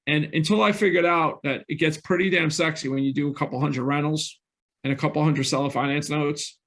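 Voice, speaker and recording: A man's voice: on the high side, fairly even intonation, a little fast, fairly bright tone. A middle-aged man, a guest on an interview show, telling his own story in an earnest, candid way, often restarting his sentences. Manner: earnest, frequent restarts and self-corrections. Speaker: guest, real estate investor.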